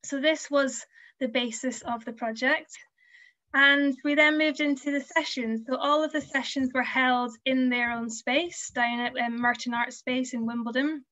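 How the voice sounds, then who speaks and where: Over a video call webcam with dull, lo-fi sound, a young woman who is a museum community learning officer presents her conference slides. Her high-pitched voice is sharp in tone, with fairly even intonation and a measured pace. She explains earnestly with frequent ums, her voice a little worn as she's losing it.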